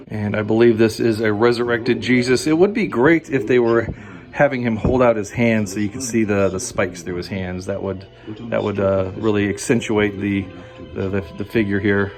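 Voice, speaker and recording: A man vlogging a walk through an indoor wax museum, chatting with his viewers and quizzing them with questions, often pausing with fillers and restarts. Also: fairly low pitch. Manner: hesitant, frequent fillers and restarts. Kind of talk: casual walk-through commentary.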